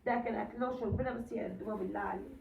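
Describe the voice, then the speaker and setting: A woman in her thirties with an Egyptian accent, hoarse from a cold, chatting to her viewers at home in an emotional, pleading, rambling way. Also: medium pitch, steady tone, rapid-fire, a loud crowd. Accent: Egyptian Arabic. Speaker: cooking vlogger. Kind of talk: casual chat to viewers. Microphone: phone. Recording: echoey, tinny phone recording from a distance.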